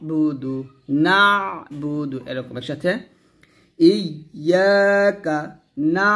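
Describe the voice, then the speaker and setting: A man with a Bangladeshi Bengali accent teaching recitation step by step, spelling out letters and then chanting each word slowly and drawn out, with quick explanations in between. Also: a little high.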